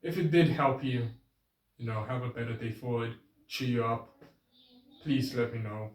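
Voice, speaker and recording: A man's voice: medium pitch, steady tone, moderate pace. Earnest rambling young man, roomy distant sound. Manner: rambling, earnest, voice shifting between registers. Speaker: vlogger. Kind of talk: casual self-reflective monologue. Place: outdoors with his bike.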